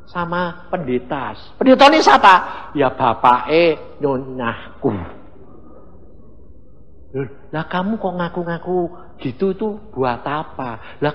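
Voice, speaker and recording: A middle-aged male pastor, preaching in an animated storytelling manner with sudden loud outbursts. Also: a little high. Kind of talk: sermon. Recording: dull, hall reverb.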